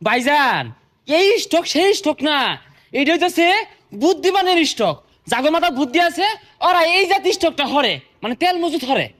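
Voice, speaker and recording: An actor playing a sly, boastful fuel hoarder in a comedy sketch, talking. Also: male voice, extremely high pitch, animated, normal speed, fairly bright tone. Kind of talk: comic sketch acting.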